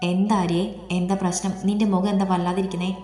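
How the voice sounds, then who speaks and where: A woman voicing a worried middle-aged mother who coaxes and questions her children gently, read as story dialogue. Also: lowish voice, little pitch movement, fast talker, lightly acted. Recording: echoey room, long reverb, soft music.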